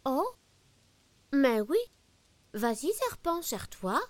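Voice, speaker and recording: A woman voicing a small, naive, generous gingerbread man in a storybook reading, sounding bright and innocent. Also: sits high, very animated, slow pace, dry recording, pitched above the performer's own voice, heavily acted. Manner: bright, innocent, eager to please.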